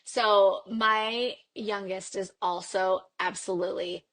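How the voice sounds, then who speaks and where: A woman co-hosting a podcast in a casual chat, chatty and giggly, sometimes dropping to a hushed aside. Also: medium pitch, steady tone, takes it slowly. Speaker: podcast co-host.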